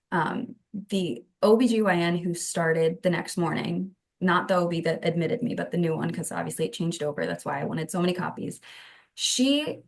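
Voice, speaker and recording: A woman's voice: lowish voice, gravelly. A woman in her thirties earnestly telling her own birth story as a podcast guest, in detail. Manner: earnest and detailed, with some restarts. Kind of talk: conversational storytelling.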